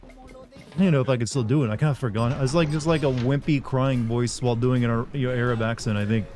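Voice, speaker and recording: Faint music sits behind this man's medium-pitched, darkish, brisk voice as he streams a game live. He offers casual gameplay commentary, rambling and joking with plenty of "like" fillers.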